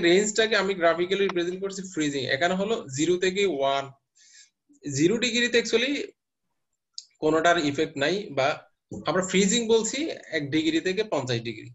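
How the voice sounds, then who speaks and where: Man lecturing in a muffled recording. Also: fairly high pitch. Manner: explains step by step, quizzes students. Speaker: university teacher. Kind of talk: lecturing class, mixing English terms.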